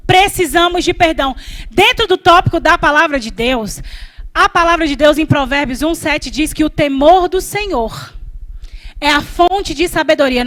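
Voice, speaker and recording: High-voiced Brazilian woman preaching a sermon. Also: a bit bright. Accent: Brazilian Portuguese. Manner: preaching with repeated call-and-response refrains, addressing the congregation. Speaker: evangelist preacher.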